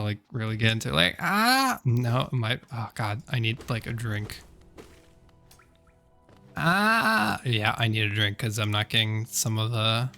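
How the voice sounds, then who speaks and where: A man's voice: mid-range voice, a bit bright. A man with a slightly sore throat chatting casually on a gaming stream, rambling and correcting himself with many fillers.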